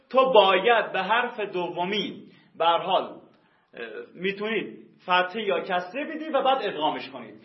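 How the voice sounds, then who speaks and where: A male teacher explaining grammar rules, slowly drawing out his example words. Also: high voice. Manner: slow drawn-out spelling of example words. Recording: roomy muffled lo-fi recording.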